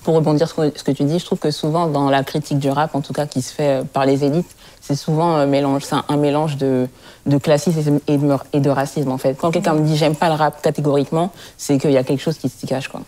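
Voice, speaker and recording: Deep-voiced young woman, assertive. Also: level tone, brisk, dark tone. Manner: assertive, hesitant fillers. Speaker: discussion participant. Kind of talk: casual group discussion.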